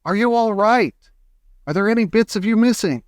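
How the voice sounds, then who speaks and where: A man's voice: high-pitched, moderate pace, clear, resonant tone, dry recording, clean studio sound, voice pushed up, lightly acted. A man voicing a frantic, wailing mother in a children's storybook, crying out in distress. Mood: anxious, crying out.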